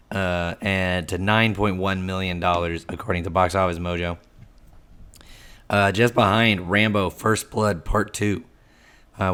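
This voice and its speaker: A man co-hosting a podcast, his voice hoarse and froggy from a cold, casually running through film facts in a halting, self-correcting way. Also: low voice, fairly bright tone. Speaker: podcast co-host.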